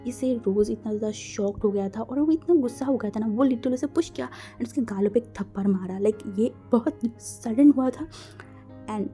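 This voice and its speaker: A woman's voice: a little high, warm tone. A woman narrating a fan fiction story in a casual, chatty way, full of fillers and restarts.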